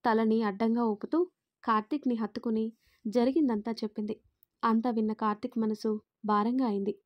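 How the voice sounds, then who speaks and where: A woman narrating a family story, reading every character's lines in her own voice and lifting louder for the quotes. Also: fairly high pitch, fairly even intonation, brisk, no echo, highs cut off. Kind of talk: scripted narration with character dialogue.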